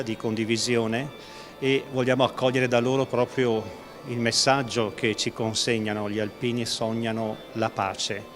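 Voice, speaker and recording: Solemn man giving a formal welcome. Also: medium pitch. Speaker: official welcoming speaker.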